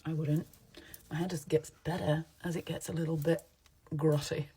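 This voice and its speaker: A woman from England with a partly Americanized English accent, chatting and rambling into her phone at home while doing her makeup, sometimes dropping into soft asides. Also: deep voice, level tone, moderate pace, slightly rough. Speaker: makeup vlogger. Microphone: phone camera.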